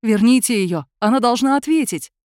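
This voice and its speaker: A woman voicing an agitated man, a proud state official, who shouts indignantly. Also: medium pitch, fairly quick, no echo, clean studio sound, lightly acted. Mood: furious.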